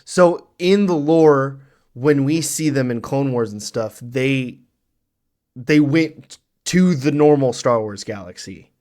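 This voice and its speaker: A man's voice: medium pitch, slow pace, darkish tone. A man hosting a casual reaction chat, rambling on as he explains lore at length. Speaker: reaction show host.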